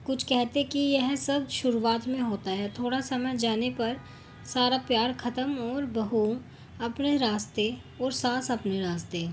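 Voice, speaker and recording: A woman calmly reading out an emotional family moral story. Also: on the high side, slight background noise.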